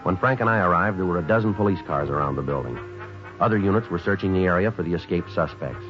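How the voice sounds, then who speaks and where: An American man narrates and stars as a stoic police detective in a 1950s radio drama, speaking tersely and matter-of-factly with a flat, factual mood. His deep voice is fast with lively intonation, set over music on a dull vintage recording.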